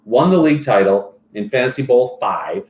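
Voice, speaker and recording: A man's voice: mid-range voice, animated, normal speed, lo-fi sound. A man acting as a fantasy football league commissioner, reading stats and mock sponsor plugs in casual banter. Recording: roomy echoey room.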